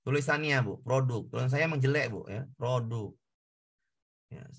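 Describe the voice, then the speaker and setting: A man's voice: medium pitch, moderate pace. A man tutoring an online class, explaining exam answers step by step, repeating key points and addressing students directly.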